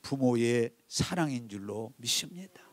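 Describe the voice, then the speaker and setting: A man's voice: mid-range voice, lively intonation, unhurried, no echo. A male pastor preaching a sermon, telling a story with feeling and speaking straight to the congregation. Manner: emotive storytelling, addressing the congregation directly.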